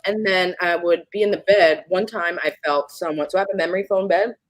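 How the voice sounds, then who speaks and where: A woman guest telling a personal ghost story in a casual podcast chat, animated and acting out moments with sudden jumps in pitch. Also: brisk, no room sound.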